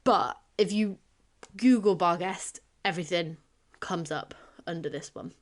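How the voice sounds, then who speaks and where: A woman's voice: lowish voice, unhurried. Tired, giggly Bristolian woman podcaster. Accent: Bristolian English. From Bristol, England. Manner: chatty, giggly, self-deprecating asides. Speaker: podcast co-host. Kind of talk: casual chat, presenting folklore research.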